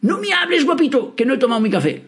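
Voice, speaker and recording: A man's voice: extremely high pitch, very animated, quick pace, fairly bright tone, voice pushed up, heavily acted. A man putting on a grumpy French mother. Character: grumpy French mother before her morning coffee.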